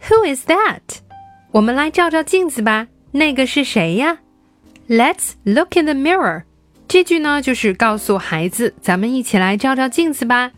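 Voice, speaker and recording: A woman teaching English to young children, slowly repeating words for them to follow. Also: high-pitched, soft background music.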